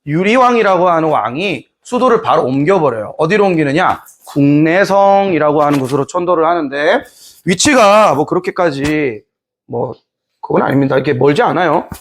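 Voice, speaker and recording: A man teaching history in a lively lecture, playfully acting out scenes from the story. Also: a little high, normal speed, slight background noise. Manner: animated storytelling, playful, voices characters.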